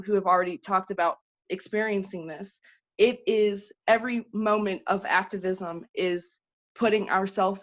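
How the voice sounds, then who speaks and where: A woman giving an earnest, urgent personal speech as an awardee, pausing often on "um". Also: mid-range voice. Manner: earnest, urgent, many 'um' fillers. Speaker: awardee speaking at a virtual ceremony. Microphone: video call. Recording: dull lo-fi video call audio.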